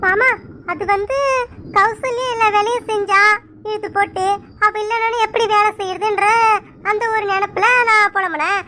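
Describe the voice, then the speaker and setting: A woman voicing a sharp-tongued, scolding middle-aged village mother in a cartoon. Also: very high-pitched, fairly even intonation, moderate pace, background noise. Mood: teasing. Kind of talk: cartoon voice acting.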